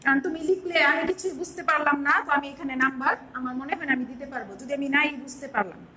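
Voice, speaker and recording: A Bangladeshi woman teaching an online class, explaining step by step and slowly spelling words out. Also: high-pitched, background noise.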